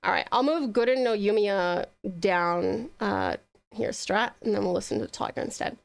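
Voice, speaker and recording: Sweet and effusive, this virtual streamer host chats with her viewers during a casual livestream, showering them with endearments. She speaks at normal speed in a gravelly, mid-range voice that's very animated.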